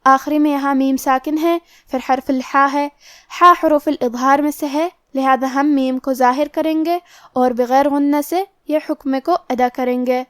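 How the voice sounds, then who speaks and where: A woman teaching Quran recitation rules, explaining each letter and rule slowly and methodically. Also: high voice, steady tone, fairly bright tone, no echo, studio quality. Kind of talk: tajweed lesson explaining rules.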